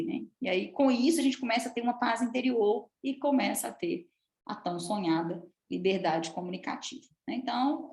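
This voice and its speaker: A woman from Minas Gerais with a Minas Gerais accent, a public speaking coach giving a lively, chatty live talk and addressing the audience often. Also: on the high side, roomy sound. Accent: Minas Gerais Portuguese. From Minas Gerais, Brazil. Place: room with an audience.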